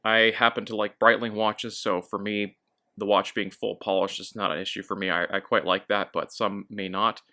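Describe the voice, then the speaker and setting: Man in a casual review, lowish pitch, bright tone, easygoing and a bit halting. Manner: relaxed, with fillers and self-corrections. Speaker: watch reviewer.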